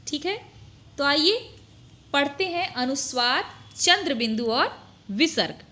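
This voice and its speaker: A woman's voice: high-pitched, expressive, takes it slowly, sharp tone. A woman teaching Hindi to young children, drilling words syllable by syllable and asking her pupils questions. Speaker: primary school Hindi teacher. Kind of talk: slow, deliberate lesson for young children.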